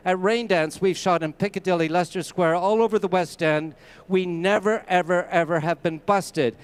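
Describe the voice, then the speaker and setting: On stage at a conference, a masterclass presenter from Canada talks straight to the live crowd, chatting casually and weaving in stories. He speaks at a moderate pace in a smooth, high-pitched voice.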